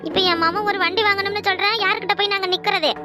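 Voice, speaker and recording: A woman's voice: very high-pitched, fairly even intonation, rapid-fire, over loud music. A woman voicing a nagging, scheming old mother-in-law in a cartoon, scolding and complaining.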